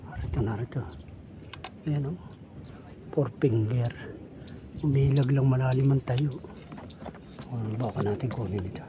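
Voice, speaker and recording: A Filipino man vlogging while hunting fish alone from a boat, murmuring quietly as he stalks and speaking up when he moves spots. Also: mid-range voice, a little slow, long pauses. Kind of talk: casual vlog commentary. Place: outdoors on a boat on a weedy lake. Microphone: action camera. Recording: outdoor ambience noise, wind.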